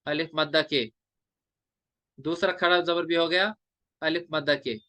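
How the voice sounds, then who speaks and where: A male teacher explaining recitation rules step by step, drawing out letters in slow chanted examples. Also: on the high side, fairly even intonation, bright, forceful tone, no room sound. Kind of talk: classroom lecture on recitation rules.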